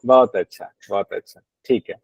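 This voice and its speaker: A man's voice: lowish voice, moderate pace, creaky, husky, dry recording, lo-fi sound. A man teaching a class on a yoga text, explaining patiently, repeating key points and asking his students questions.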